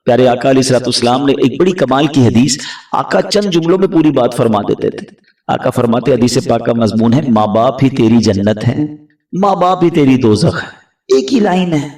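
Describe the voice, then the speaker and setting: A man preaching a sermon with passion, rising to loud peaks and dropping to low pleading tones. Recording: echoey hall, voice from far off the mic.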